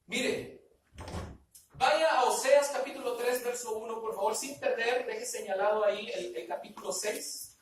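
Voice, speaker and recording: A man's voice: very high voice, fairly even intonation, unhurried. A male pastor preaches in a church with emphatic energy, firing questions at the congregation and repeating words to drive them home. His voice is caught from a distance in a strongly echoing hall, with a faint hiss underneath. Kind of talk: sermon. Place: church sanctuary. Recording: echoey hall, picked up from far off.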